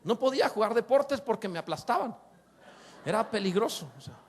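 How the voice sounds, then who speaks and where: High-voiced preaching pastor. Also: male voice, fairly quick, slight background noise. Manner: lively preaching with rhetorical questions and humorous asides. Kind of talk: sermon.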